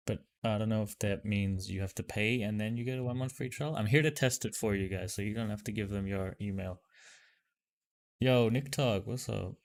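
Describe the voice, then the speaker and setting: Low-voiced man on a livestream headset mic. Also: a little fast. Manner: loose and rambling, many fillers, greets viewers. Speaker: livestream host. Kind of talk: casual livestream chat while testing software.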